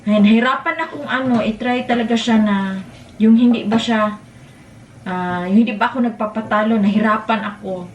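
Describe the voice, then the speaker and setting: A woman in her thirties with a Filipino accent, chatting casually to viewers while cooking at home and breaking off to hush her toddler. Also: fairly high pitch, fairly even intonation, normal speed, highs cut off, slight background noise. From Philippines. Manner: switches between chatting to viewers and scolding a toddler. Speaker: vlogger and mother. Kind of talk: casual cooking vlog chat. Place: home kitchen. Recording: echoey room from a distance.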